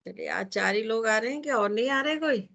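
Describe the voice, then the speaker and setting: Woman, astrology teacher, chatty, rambling, slightly high, gravelly, video call. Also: a little fast, fairly bright tone. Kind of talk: casual chat before an online class.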